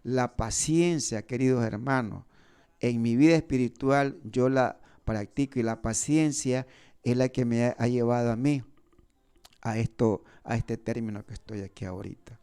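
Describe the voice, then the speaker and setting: A man from Nicaragua preaching a live radio sermon, earnest and halting, with frequent fillers and restarts, and serious in manner. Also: medium pitch, mellow, clear, resonant tone. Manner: describes himself as serious. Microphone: radio studio microphone.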